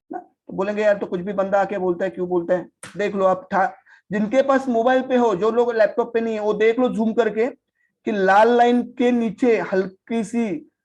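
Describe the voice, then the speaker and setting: A man's voice: sits high, mellow. Blunt, chatty man teaching market charts. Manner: blunt, scolding the chart, talks to it as 'beta'. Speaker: stock market trainer. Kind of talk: casual market analysis lesson. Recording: slightly dull lo-fi recording.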